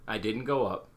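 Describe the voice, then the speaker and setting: A young man, a father, talking casually to camera at home, often rambling and restarting his sentences, and gently hushing with patient reassurances. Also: lowish voice. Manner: rambling, self-correcting restarts. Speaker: father vlogging. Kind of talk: casual talking-head vlog. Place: at home indoors.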